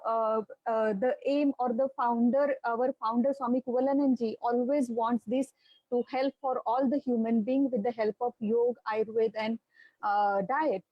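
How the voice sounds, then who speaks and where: A woman with an Indian accent teaching yoga online in a measured, instructive way. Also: a little high, dry recording, muffled recording. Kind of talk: online lecture and guided breathing relaxation.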